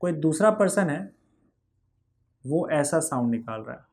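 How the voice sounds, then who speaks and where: A man's voice: fairly high pitch, lively intonation, a little slow. Patient male teacher checking understanding. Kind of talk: whiteboard physics lesson.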